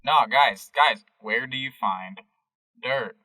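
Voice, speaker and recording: A man's voice: mid-range voice, very animated, takes it slowly, creaky, pushed and bright, recorded from a distance, low-quality recording. Rambling man narrating as game master. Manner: rambling, enthusiastic listing.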